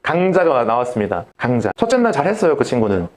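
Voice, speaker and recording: A man's voice: mid-range voice, wildly swooping pitch, fast. A young man preaching a sermon as a pastor, telling a story and acting out the dialogue.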